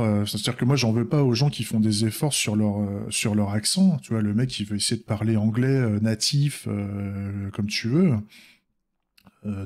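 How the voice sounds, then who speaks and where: A man's voice: mid-range voice, darkish tone. Male game developer from France, casual meandering delivery, lots of fillers. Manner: rambling, many restarts and filler words. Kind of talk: casual devlog chat.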